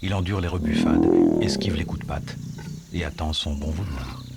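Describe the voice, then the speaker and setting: A man reading scripted nature documentary narration in a measured, explanatory storytelling manner. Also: rumbling low, very animated, creaky, heavy background noise. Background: music under the voice.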